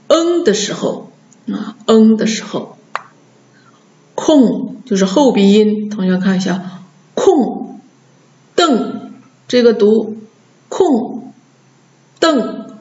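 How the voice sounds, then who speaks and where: Slow-speaking woman teaching Chinese pronunciation. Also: mid-range voice, dark tone. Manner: slow, drawn-out model words for repeating. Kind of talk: pronunciation lesson. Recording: dull, echoey room.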